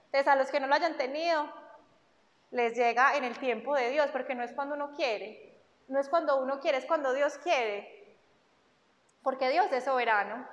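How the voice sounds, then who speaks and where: A young woman tells her faith story in a high, bright-sounding voice. She leans on repetition and acts out conversations as she goes. The recording is muffled, and a long hall reverb trails every phrase. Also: moderate pace, long pauses. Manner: emphatic, repeats phrases, acts out dialogue. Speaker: faith testimony speaker. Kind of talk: personal religious testimony.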